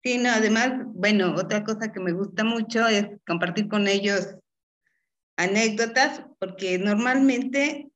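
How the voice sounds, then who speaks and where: A woman professor with a Mexican Spanish accent, answering interview questions. She talks in an encouraging way, laughs often and keeps checking in with a quick "¿sí?". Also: mid-range voice, highs cut off. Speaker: chemistry professor.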